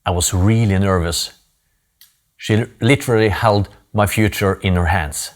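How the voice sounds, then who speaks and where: A Norwegian man in his forties, with a Norwegian accent and a lowish voice, tells a personal story. He speaks earnestly and deliberately, pausing for emphasis.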